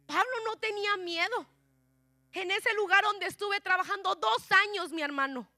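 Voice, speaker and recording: A woman's voice: extremely high pitch, sharp tone, no echo, studio quality. A woman preacher giving an impassioned sermon in a church, often calling out to her listeners as her brothers. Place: church sanctuary.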